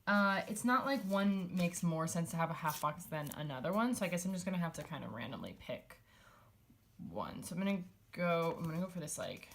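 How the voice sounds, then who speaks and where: A woman's voice: on the low side, animated, fairly quick, slight background noise. A young woman talking casually as she decorates a planner, thinking aloud and rambling with many likes and ums. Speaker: planner vlogger.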